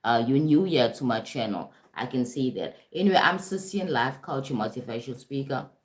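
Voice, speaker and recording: Very low-voiced South African woman. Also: animated, fairly quick, reverberant. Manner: conversational, asks "right?" and "you understand?" often. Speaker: life coach and motivational speaker. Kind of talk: live-streamed spiritual talk. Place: home in Durban, streaming.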